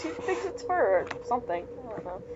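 Young woman host for a casual game playthrough, high, swooping voice, jumpy, slightly dull home mic. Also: big pitch swings, fairly quick, a little mellow, slight background noise. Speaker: let's play host, player. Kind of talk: casual gaming commentary.

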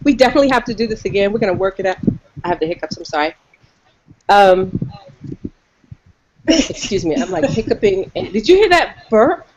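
A woman chatting casually over an online call, swinging her voice up and down as she jokes and laughs often. The audio carries a steady hiss of background noise behind her. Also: medium pitch, rapid-fire, muffled recording. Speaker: co-host of an online chat. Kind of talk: casual video chat.

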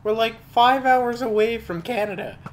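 A man's voice: very high-pitched, normal speed, a little hiss or hum. A man chatting and laughing with friends while they play a video game. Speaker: gamer. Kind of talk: casual gaming chat.

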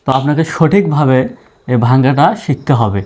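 Male teacher, average pitch; patient, repetitive letter-by-letter explaining. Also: normal speed, darkish tone. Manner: patient, spells letters out one by one and repeats. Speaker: English teacher. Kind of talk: spoken spelling and pronunciation lesson.

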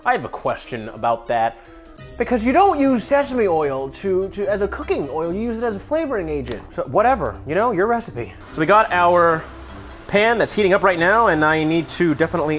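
A man's voice: on the high side, a bit bright. A young man, a little drunk, chatting casually with wry, grumbling asides as he hosts a cooking vlog. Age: young adult. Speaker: vlog host reviewing a meal kit. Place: indoors, home kitchen. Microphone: lapel mic.

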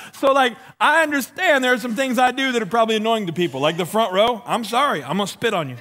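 On a church stage, a middle-aged male pastor with a lisp walks and gestures through a comic sermon, acting out dialogue in self-deprecating anecdotes. He talks fast in an extremely high-pitched, sharp voice.

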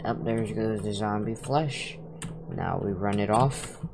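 A woman gamer chatting casually with a friend while playing, excitable, laughing often and saying "dude" and "like" a lot. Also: rumbling low, slow pace, vocal fry, noisy background. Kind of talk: casual gaming commentary.

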